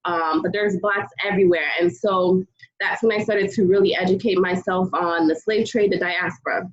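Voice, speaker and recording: Female guest from Connecticut, calm and slightly tired, low voice, muffled recording. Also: moderate pace. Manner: calm, thoughtful, many ums. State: a little tired. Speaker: podcast guest. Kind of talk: relaxed interview talk. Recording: dull lo-fi sound.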